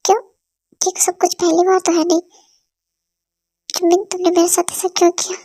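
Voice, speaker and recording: A woman voicing a curt young husband, high and flat. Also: moderate pace, dry recording, clean studio sound. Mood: reproachful. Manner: curt, clipped commands and retorts. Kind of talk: amateur fan-dub drama reading.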